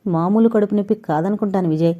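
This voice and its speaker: Woman reading a caring young woman, gentle, practical, mellow, audio novel. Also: medium pitch, quick pace, lo-fi sound, close to an everyday voice. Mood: concerned. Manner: gentle, urgent when needed.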